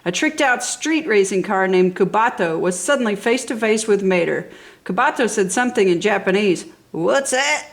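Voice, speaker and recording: Expressive and a little fast, a medium-pitched woman narrates a children's story. She reads with obvious enthusiasm, leaning into dramatic emphasis throughout.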